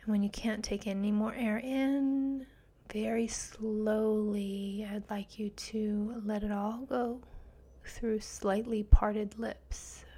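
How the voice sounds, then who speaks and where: A woman leading a guided meditation in a soft, breathy near-whisper, speaking slowly and gently. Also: medium pitch. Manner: slow, gentle, hushed delivery. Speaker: podcast host and meditation guide.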